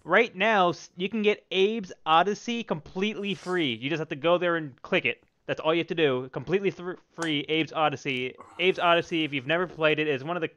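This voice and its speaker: A man's voice: a little high, fairly quick, hardly any pauses, fairly bright tone, lo-fi sound. A man hosting a casual gaming podcast, chatty and enthusiastic, often restarting his words. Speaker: podcast host.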